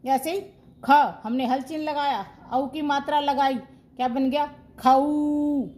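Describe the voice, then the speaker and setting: A woman's voice: high-pitched, fairly even intonation, normal speed, darkish tone. A woman teaching Hindi grammar in an online class. She asks her students questions, answers them herself and repeats the key terms.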